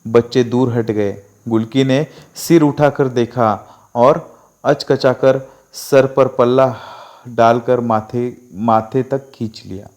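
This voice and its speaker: A male Hindi teacher reads a short story aloud to his class. He goes slowly and with care, giving each sentence time to land. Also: mid-range voice, fairly even intonation, a little mellow. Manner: slow, deliberate reading.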